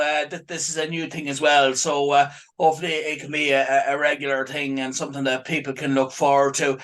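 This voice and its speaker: Male radio host, higher-pitched, stumbles through long questions. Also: fairly bright tone. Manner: rambling, stumbling repeats. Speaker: sports radio host and physio. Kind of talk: radio interview.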